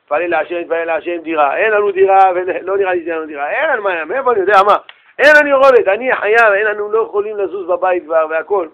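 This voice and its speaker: A broke, desperate yeshiva man pours out his troubles, as a man puts him on. He pleads and complains in a hurried, lowered voice, with a fairly high male pitch. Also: narrow, tinny audio, lightly acted. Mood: pleading.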